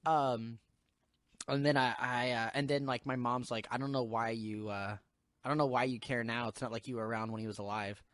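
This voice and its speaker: A man's voice: mid-range voice, fairly even intonation, a little fast, fairly bright tone, dry recording, clean studio sound. A young man hosting a podcast, talking casually in a rambling way with lots of swearing and fillers. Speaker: podcast host. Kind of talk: casual chat.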